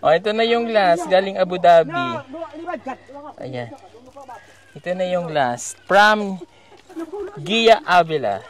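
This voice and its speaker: A man's voice: high-pitched, expressive, slow pace, pauses often. A man with a Mindanao Filipino accent, vlogging outdoors in a rural village as he hands out donations, bossing and teasing the children in a joking way. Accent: Davao, Mindanao Filipino. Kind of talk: casual outdoor vlog talk. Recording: crowd noise around the speaker. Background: villagers and children chattering.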